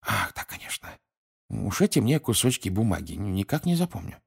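A man's voice: lowish voice, big pitch swings, measured pace, a little mellow, husky, voice pushed up, exaggerated voice. A man voicing a cheerful, eager middle-aged wizard who gets flustered, in an audiobook reading. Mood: hushed.

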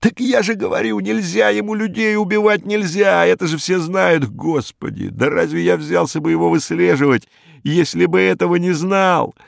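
A man's voice: high-pitched, normal speed, vocal fry, no echo, clean studio sound, voice pushed up. Man doing a jittery, terrified gangster informer. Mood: insistent. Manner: jumpy, rambling, pleading. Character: frightened, superstitious male gangster informer.

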